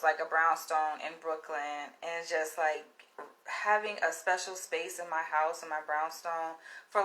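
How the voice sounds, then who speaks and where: Talking directly to her audience, this young woman from the Southern United States keeps addressing them as "you guys" in a relaxed vlog chat. Her voice is lowish with a sharp edge, and the recording quality is poor.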